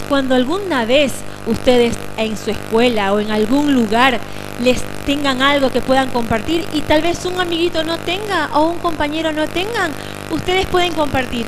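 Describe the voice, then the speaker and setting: A woman telling a story to children during a church service, lively and asking them questions. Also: high voice. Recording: recording with loud hum and engine noise.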